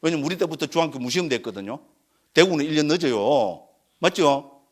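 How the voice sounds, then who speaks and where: Older monk lecturer, lively up-and-down delivery, chatty, keeps seeking agreement. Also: male voice, fairly high pitch, a little fast. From Korea, Gyeongsang region. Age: 60s. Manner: conversational, keeps asking the audience for agreement. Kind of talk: Dharma lecture with personal story.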